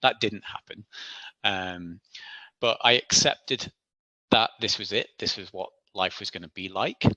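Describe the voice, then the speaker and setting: A man's voice: on the low side, unhurried, sharp tone, dry recording, dull audio. A man, a podcast guest telling his story in a chatty, self-deprecating way with frequent laughs. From Isle of Man. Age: 40s. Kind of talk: casual interview storytelling.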